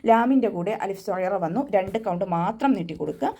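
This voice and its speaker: A young woman teaching Quran recitation in an online class, explaining each step patiently and adding gentle reminders. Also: medium pitch, animated, fast. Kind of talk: online tajweed class instruction.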